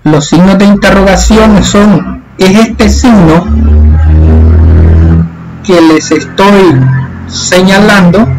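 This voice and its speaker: A man's voice: sits high, slow pace, pauses often, over music, poor audio. A male teacher patiently explaining a worksheet to schoolchildren in a recorded lesson. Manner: patient, explanatory, addressing children.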